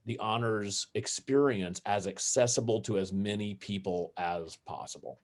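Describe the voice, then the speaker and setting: A man's voice: fairly low pitch, moderate pace, a little mellow. A man speaking on a panel discussion, thoughtful and a little hesitant.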